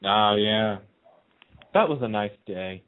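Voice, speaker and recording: On a radio panel chatting casually about TV soaps, a man with a lowish voice and lively intonation speaks slowly, sounding opinionated and emphatic and repeating himself to drive points home. The audio is very noisy, with a muffled, lo-fi phone-line radio quality.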